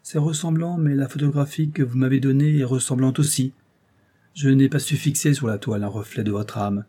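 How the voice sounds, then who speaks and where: A man's voice: medium pitch, steady tone, brisk, warm tone, slightly rough, voice pushed up, lightly acted. A man reading an audiobook, voicing a passionate, anxious young painter who speaks impassioned and anguished. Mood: dejected.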